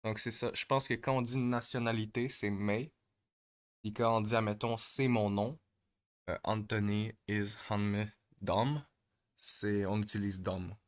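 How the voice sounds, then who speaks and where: A man calmly explains language exercises step by step, pausing often and filling gaps with hesitations. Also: fairly low pitch. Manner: hesitant, many pauses and fillers.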